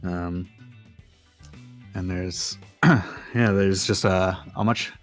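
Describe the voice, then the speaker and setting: Low-voiced male dungeon master narrating. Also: steady tone, extremely slow, faint music behind. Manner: loose, filler-heavy narration with frequent uh and like. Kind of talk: narrating a tabletop game.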